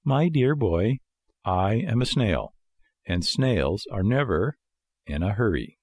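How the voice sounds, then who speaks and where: Man acting female snail, storybook, calm, drawn-out delivery, placidly unhelpful, lilting, dry sound. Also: medium pitch, slightly rough, dry recording. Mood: calm, patient. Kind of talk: storybook character voice.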